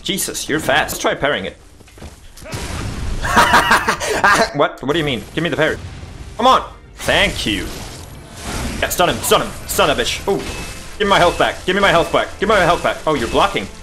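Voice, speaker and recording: A young man commenting on a video game he is playing, excitable and jokey, swinging between yelps and mutters. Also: fairly high pitch, quick pace, music in the background. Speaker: gaming YouTuber. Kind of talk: let's play commentary.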